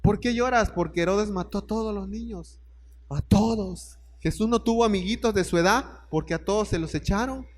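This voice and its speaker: A man's voice: sits high, moderate pace, long reverb tail. A man preaching a sermon, telling the story and putting questions straight to his listeners.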